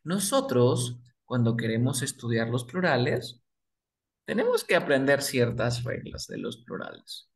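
Spanish-speaking man as a patient English tutor, unhurried, repeats words and quizzes the listener. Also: mid-range voice, wildly swooping pitch, vocal fry. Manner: repeats words slowly, asks and answers his own questions. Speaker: English teacher. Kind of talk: explaining grammar to beginners.

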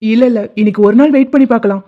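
A lovesick young college man, voiced by a woman, talks in a worried, hesitant way in an animated love story. The voice is a little high. The audio is dull and lo-fi. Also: racing, close to an everyday voice.

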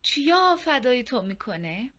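A woman teaching the words of a song, reading each line slowly and then explaining it quickly. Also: sits high, sing-song, pushed and bright. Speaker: language teacher. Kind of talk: Turkish song lesson explained in Persian. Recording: dull lo-fi sound.

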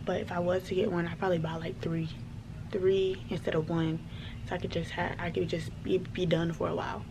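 A woman's voice: on the low side, flat delivery, a little fast, noisy background. A young woman, chatting casually to her vlog viewers, rambling and calling them y'all. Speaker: vlogger. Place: at home.

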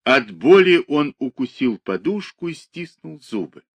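A man narrating a literary audiobook with an expressive, dramatic reading. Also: fairly high pitch, a little slow, breathy edge, dry recording.

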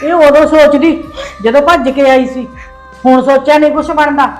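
A woman's voice: sits high, steady tone, normal speed, a little mellow, reverberant, faint music behind, lightly acted. An older woman playing a harsh mother-in-law who scolds sharply in a family drama. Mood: scornful. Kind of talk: village family drama acting.

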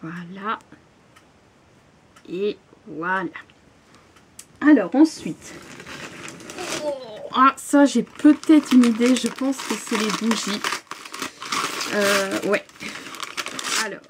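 A young woman opening a parcel in her bedroom, gushing with excitement and often restarting her sentences. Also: mid-range voice, very slow, long pauses, background noise. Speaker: vlogger. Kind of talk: unboxing vlog. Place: bedroom, at home. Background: paper crinkling.

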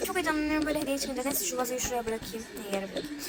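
A woman chatting excitedly to viewers while narrating a game role-play. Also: high-pitched, rapid-fire, loud music behind the voice, rough recording.

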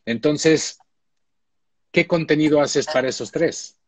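A man's voice: a little high, takes it slowly, dry recording. Reflective man on a video call. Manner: thoughtful, reflective, with frequent restarts. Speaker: showrunner and director, guest. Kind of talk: casual live-stream interview. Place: indoor room at home. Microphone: phone or laptop on a video call.

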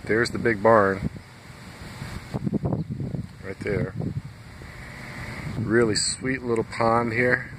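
A man's voice: on the low side, extremely slow, pauses often. A man who works as a nuisance wildlife trapper, casually walking viewers through his trap sets outdoors on a farm and talking to them directly in a plain-spoken, folksy way. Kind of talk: casual outdoor video walkthrough. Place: outdoors on a farm field by a fence line. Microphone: handheld phone camera. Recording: phone recording outdoors with steady background noise.

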